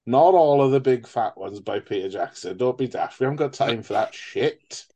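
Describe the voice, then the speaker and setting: A man's voice: mid-range voice, lively intonation, moderate pace, mellow, lo-fi sound. Sweary joking podcast man. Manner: jokey, sweary, rambling. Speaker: podcast co-host. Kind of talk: casual chat.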